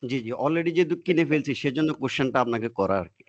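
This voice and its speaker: A man from Bangladesh asks his teacher questions in an online class, polite and halting, clearing his throat between thoughts. His voice sounds dry and a little dull over the call. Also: medium pitch, animated, no echo. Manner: deferential, hesitant with fillers and throat clearing. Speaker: student. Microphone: video call.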